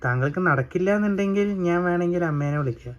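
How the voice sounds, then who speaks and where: A man's voice: high voice, expressive, fast talker, muffled recording. A man narrating a casual family vlog at home, chatty and teasing, talking straight to his viewers. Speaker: family vlogger.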